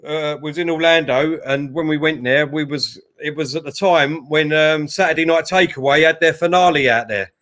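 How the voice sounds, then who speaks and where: Speaking at normal speed with few pauses, a slightly high-voiced man from the Isle of Dogs, East London, co-hosts a casual football watchalong. He keeps up the chatter, reads viewer messages aloud, and breaks into excited match calls.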